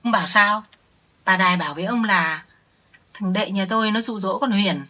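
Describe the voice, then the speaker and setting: A woman's voice: mid-range voice, moderate pace, pushed and bright. A middle-aged woman playing a village woman who earnestly insists she is telling the true story. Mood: insistent. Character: older village woman defending her family. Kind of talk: village family drama acting.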